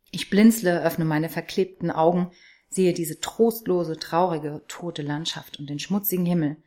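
Woman reading a story out loud, fiery and dramatic, kinda low voice. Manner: impassioned, swinging from hushed to outcries.

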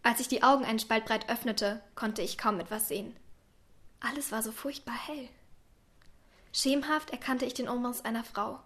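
A woman reading a first-person story aloud in a quiet, subdued way, sometimes dropping to a whisper. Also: fairly high pitch, steady tone, brisk, few pauses. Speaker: narrator.

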